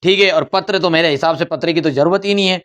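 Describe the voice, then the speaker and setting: A man's voice: a little high, fast talker, fairly bright tone. A man teaching an exam-prep lesson, coaxing his students, repeating phrases and calling them "beta". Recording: dull lo-fi recording.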